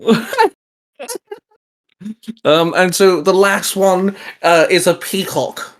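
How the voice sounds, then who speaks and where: A man co-hosts a hobby video channel, joining a casual, geeky chat with enthusiastic, informal talk. His voice is high-pitched and slow.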